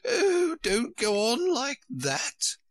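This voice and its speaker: Dotty elderly queen for a storybook, played by a man: piercingly high, bright, bossy and easily flustered. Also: wildly swooping pitch, no room sound, clean studio sound, full character voice. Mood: despairing, pleading. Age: older. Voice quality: shrill, squeaky, bleating. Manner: exclamatory, insistent, drawn-out delivery.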